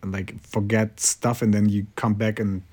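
A man's voice: on the low side, little pitch movement, a little slow, darkish tone. A man from Kazakhstan, a director and actor in his thirties, answering interview questions with frequent restarts and fillers. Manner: hesitant, repeats words, many fillers. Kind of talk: casual interview chat.

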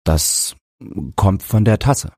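A man playing a gentle, helpless father who talks in a soothing, apologetic way. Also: fairly low pitch, lively intonation, slow pace, no room sound, studio quality, voice pushed up, heavily acted.

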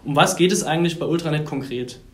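A quick, fairly high-voiced man hosts a podcast, reading his intro from a script before moving on to long, winding questions. The room around him rings with echo. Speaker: podcast host. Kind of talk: podcast interview.

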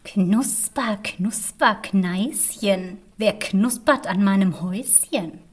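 Picture a wicked old child-eating witch, shrill and high, cackling and mocking as she lures and bullies, with a man putting on her voice. The voice sits far above an ordinary speaking voice and sounds pinched and strange. It is delivered as a storybook fairy tale reading. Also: slow. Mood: sweetly luring.

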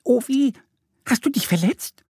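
Little duckling girl, high and bright, eager and a bit shy, voiced by a male narrator. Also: animated, a little slow, slightly rough, no echo, studio quality, heavily acted. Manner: eager, timid at night.

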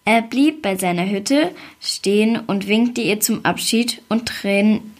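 A woman reading a fairy tale aloud in a calm, even storytelling manner. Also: medium pitch, slow pace. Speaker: story reader.

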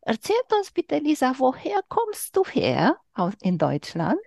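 Casting: woman podcast host, slow and lively, gravelly edge, slightly broken German, dry close mic. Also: high-pitched, no room sound. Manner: warm, playful questioning with slightly broken German grammar. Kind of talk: casual interview chat.

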